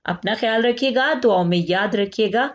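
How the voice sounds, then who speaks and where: A woman teaching a slow vocabulary lesson, repeating each word and asking quick check questions. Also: mid-range voice, dull audio.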